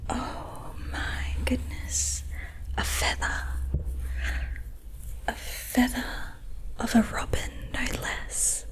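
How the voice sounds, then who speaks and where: Woman playing a slow whispering leprechaun, whispered role-play. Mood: awed, delighted. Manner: playful, haughty storybook leprechaun with quaint turns of phrase; slow, lingering repetition of words. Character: proud, mischievous leprechaun collector of trinkets and treasures.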